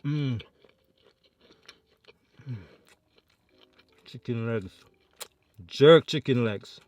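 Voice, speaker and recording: A man's voice: medium pitch, extremely slow, darkish tone. A Jamaican man chatting to viewers between bites in a mukbang eating vlog at home. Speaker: food vlogger.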